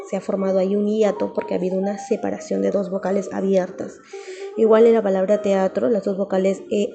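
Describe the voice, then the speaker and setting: A woman teacher giving a recorded grammar lesson, patient and repeating key terms slowly for her students. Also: medium pitch.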